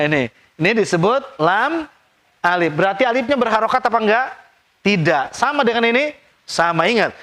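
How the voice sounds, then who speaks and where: A man teaching Quran recitation rules, explaining quickly and chanting examples slowly and drawn out. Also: high-pitched, fairly bright tone. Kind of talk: tajwid lesson with recited examples.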